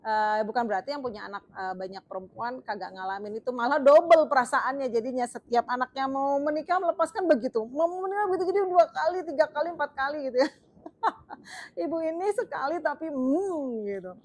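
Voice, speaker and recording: Young woman, chatty, emotional, filler-heavy, slightly high voice. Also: brisk, darkish tone. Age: young adult. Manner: emotional, chatty, full of fillers, laughs often. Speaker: vlogger. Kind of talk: casual storytelling to camera.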